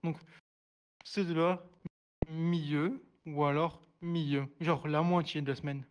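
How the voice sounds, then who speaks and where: Guy teaching sign language, slow and a bit high, lots of euh, repeats every word while signing. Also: steady tone, clean tone. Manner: hesitant, many fillers and restarts. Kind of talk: live online class explanation.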